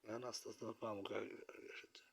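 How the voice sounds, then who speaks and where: A man quietly narrating a late-night home vlog about his pet bird, speaking softly so the neighbors can sleep. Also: lowish voice, flat delivery, very fast, slightly rough. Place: indoors at home, in bed.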